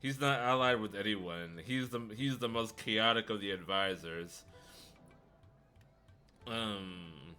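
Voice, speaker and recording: A man's voice: on the low side, takes it slowly, long pauses, sharp tone. A man giving casual commentary as he streams a game, thinking aloud. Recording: game music behind the voice. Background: music.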